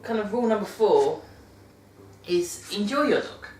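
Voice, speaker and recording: This British vlogger's monthly talk on caring for dogs is chatty and meandering, with frequent mid-sentence self-corrections. Her medium-pitched voice is animated and a little mellow, and she speaks a little slowly. There is slight background noise, and the far-off mic makes it sound roomy.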